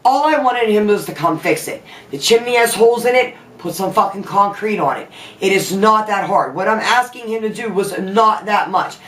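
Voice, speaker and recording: A woman's voice: medium pitch, moderate pace, a bit bright, distant mic. A woman vlogger venting angrily from her house, swearing often as she rants. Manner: profane, heated ranting. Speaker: vlogger and makeup artist. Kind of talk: angry venting vlog. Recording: echoey room, away from the mic.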